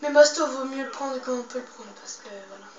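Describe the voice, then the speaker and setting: A woman's voice: sits high, brisk, muffled recording. A woman doing casual, slangy game commentary, muttering to herself and swearing mildly as she plays. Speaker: gamer playing a zombie game. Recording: roomy, distant mic, loud background noise.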